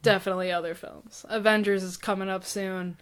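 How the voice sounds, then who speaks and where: A woman's voice: medium pitch, steady tone, a little fast, clear, resonant tone. A woman guest on a podcast, talking in a chatty, casual way with lots of fillers. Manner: chatty, many fillers, laughs often. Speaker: podcast guest, dungeon master.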